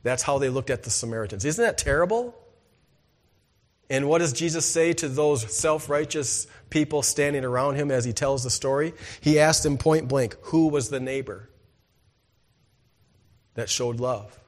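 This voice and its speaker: A man preaching a sermon in church, asking rhetorical questions and calling for "amen", moving between loud emphatic lines and quiet low asides. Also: moderate pace. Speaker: pastor.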